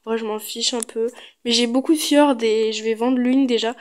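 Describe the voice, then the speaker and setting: A woman's voice: fairly high pitch, steady tone, normal speed. A woman giving casual, chatty gameplay commentary, thinking aloud as she goes. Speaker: gaming video creator.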